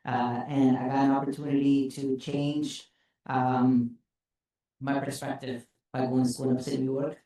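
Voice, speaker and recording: Man from El Salvador, earnest and deliberate, mellow tone, echoey hall. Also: medium pitch, little pitch movement. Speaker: panelist. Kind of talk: panel introduction. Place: conference hall.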